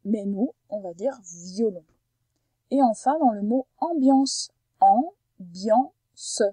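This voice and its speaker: A woman teacher giving a phonics lesson to a young pupil, patiently spelling out sounds and stretching words slowly and carefully. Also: high voice, expressive, dark tone, dry recording, rough recording. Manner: slow, careful over-articulation of sounds for a child.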